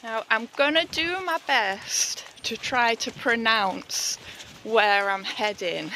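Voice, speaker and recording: A chatty woman talks to the camera outdoors on a soggy mountain trail, unhurried and fond of a laugh at herself. Her voice sits a little high and comes across bright and forward, with faint open-air sound behind her. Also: slight background noise. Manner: chatty, self-deprecating, laughs often. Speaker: vlogger. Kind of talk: casual solo hiking vlog. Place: outdoors on a wet mountain path.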